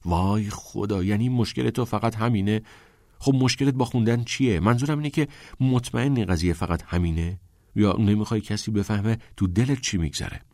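An eager teenage schoolboy, urgent and pleading, his voice pushed a little higher than the reader's own, as a man acts him out. The delivery is dry and close. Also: darkish tone, no room sound, natural voice. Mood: pressing.

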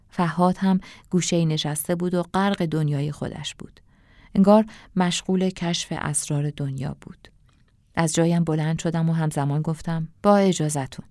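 A woman narrating a story in a calm, measured reading voice, sometimes dropping to a hush. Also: sits low, vocal fry, no echo, studio quality. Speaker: audiobook narrator.

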